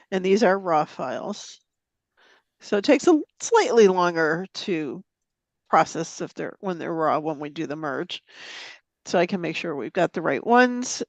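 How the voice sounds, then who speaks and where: A fairly low-pitched woman on a dry recording walks through photo editing software in a live demonstration, in a meeting room or online forum. She sounds casual and chatty, with frequent ums and easy laughs, and she sniffles a little from a slight cold.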